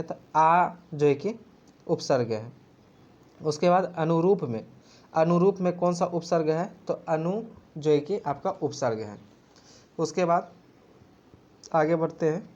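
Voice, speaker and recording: A man's voice: fairly high pitch, a little slow, pauses often, a little mellow, lo-fi sound. A man teaching an exam-prep grammar lesson, asking a question and answering it himself. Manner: repetitive question-and-answer drilling.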